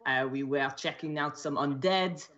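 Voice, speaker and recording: A woman's voice: deep voice, fairly bright tone. A woman playing a shaken tiefling survivor. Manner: halting, plain-spoken recounting. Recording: dull lo-fi stream audio.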